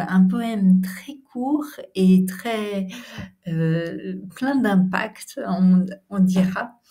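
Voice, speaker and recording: A woman's voice: mid-range voice, dark tone. A woman with a French accent hosting her channel, narrating a workshop visit in a hesitant way, with many fillers and some whispered asides. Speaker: channel host.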